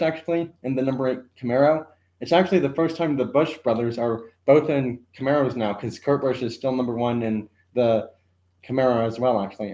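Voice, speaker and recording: A man's voice: medium pitch, darkish tone, reverberant, a little hiss or hum, low-quality recording. Rambling man commentating on toy car games. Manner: rambling, self-correcting, lots of "um" and asides. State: occasional coughing. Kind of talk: casual live-stream commentary. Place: room at home.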